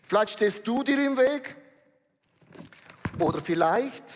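A man's voice: high voice, expressive, slow, a little hiss or hum. A man preaching a sermon to a congregation, emphatic and slangy, dropping in English phrases. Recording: reverberant hall.

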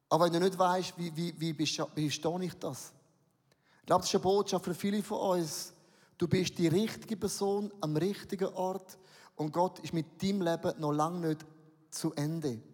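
Swiss German pastor in an echoing hall. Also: male voice, high-pitched, steady tone, normal speed, a little mellow. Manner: humorous storytelling, self-mocking, with acted dialogue. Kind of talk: sermon. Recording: reverberant hall.

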